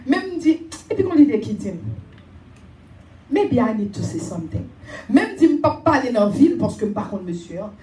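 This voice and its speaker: A woman preaching a sermon and telling a personal testimony, animated and often raising her voice with laughter. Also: a little high, brisk, roomy sound, recorded from a distance. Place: church.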